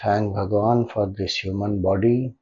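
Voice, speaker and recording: In this guided meditation, a spiritual teacher with an Indian accent speaks gently and calmly, pausing deliberately between phrases. His voice is lowish and husky, heard through a muffled recording.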